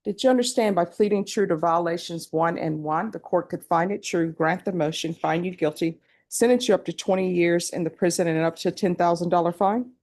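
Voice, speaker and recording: Low-voiced American woman judge in a courtroom. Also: a little fast, a little mellow. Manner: procedural, formal questioning. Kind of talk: formal courtroom procedure, in a courtroom.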